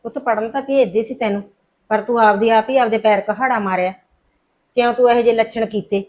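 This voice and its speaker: A woman's voice: fairly high pitch, fairly even intonation, quick pace, darkish tone, lightly acted. A middle-aged woman with a Punjabi accent playing a mother who scolds and coaxes her daughter in a short film drama. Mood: scolding. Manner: scolding then coaxing. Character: worried mother torn between son and daughter.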